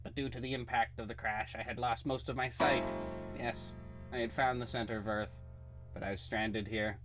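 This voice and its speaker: A man's voice: medium pitch, steady tone, moderate pace, music in the background, natural voice. A man playing a bitter, megalomaniac underground outcast villain with a grandiose, menacing delivery in a comic book reading. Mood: dramatic recounting.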